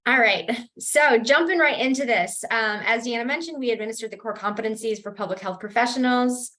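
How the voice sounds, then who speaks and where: A woman presents slides as project coordinator on a video call, her voice still a bit rough from the morning. She moves through the material briskly and in order, with frequent ums. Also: on the high side, a bit bright. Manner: brisk, organized presenting with fillers.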